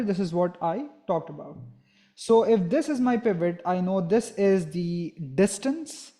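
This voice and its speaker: Teaching physics, this young man explains each step in turn and keeps punctuating his points with a questioning "right?". His voice sits high yet carries a dark tone.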